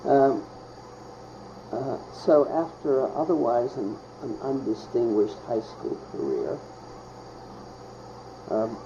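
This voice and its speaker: An older man from Pittsburgh reminiscing in an interview, halting and searching for words with many pauses. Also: medium pitch, lively intonation, slight background noise. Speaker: oral history interviewee. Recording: muffled, with loud crickets behind.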